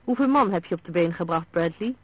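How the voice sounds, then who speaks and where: A brusque police chief barks short orders, as a male reader plays him. The voice is fairly high and squeezed into a narrow, phone-like sound. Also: expressive, fast talker, breathy edge, no room sound. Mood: commanding. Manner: curt, commanding.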